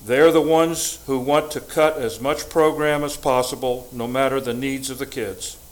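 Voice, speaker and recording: An older man from the United States giving a prepared, formal statement to a school board, deliberate and emphatic. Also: medium pitch, fairly even intonation, rough recording. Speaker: public commenter at school board meeting.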